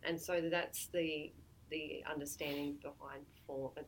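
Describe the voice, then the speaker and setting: A woman's voice: deep voice, level tone, a little slow, a little hiss or hum. A woman guest in a casual talk who is losing her voice and explains research conversationally. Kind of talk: casual chat.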